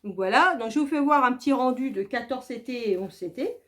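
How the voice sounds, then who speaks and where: A woman's voice: a little high, expressive, fairly quick. A woman hosting a craft tutorial, chatty and full of hesitant fillers and restarts. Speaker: craft video host. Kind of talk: casual tutorial talk.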